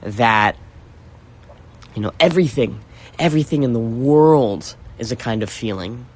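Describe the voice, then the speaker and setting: A man's voice: mid-range voice, expressive, measured pace. A man talking in a loose, rambling solo monologue, swearing freely and leaning on "you know" fillers. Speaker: podcast host.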